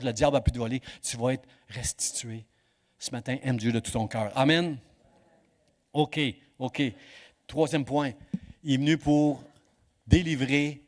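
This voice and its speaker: Impassioned male preacher in church. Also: on the high side. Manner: impassioned, swinging between loud exhortation and hushed emphasis. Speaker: pastor. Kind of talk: sermon.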